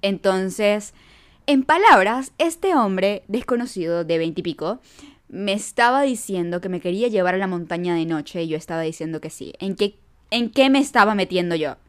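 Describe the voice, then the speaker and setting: A young woman chats to camera, retelling her own mishaps. She jumps between laughing at herself and lively asides, with a mid-range voice for a woman. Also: mid-range voice, normal speed, clear, resonant tone. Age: young adult. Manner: animated, self-mocking, chatty. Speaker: vlogger. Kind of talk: storytime chat to camera.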